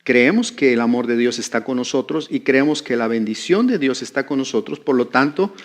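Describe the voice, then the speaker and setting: A man's voice: mid-range voice, a little fast. A man preaching a sermon, talking with the congregation and putting questions to them. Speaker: pastor.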